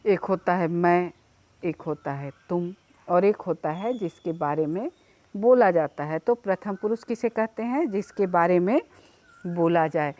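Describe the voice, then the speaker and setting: A woman's voice: fairly low pitch, warm tone, dry recording. A woman teacher giving a children's Sanskrit lesson, repeating words and their meanings one by one for the class to copy. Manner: slow repeated word-by-word pronunciation drills.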